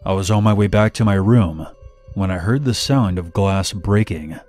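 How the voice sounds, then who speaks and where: A man narrating a horror story in steady first person, scripted. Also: sits low, normal speed. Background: faint music.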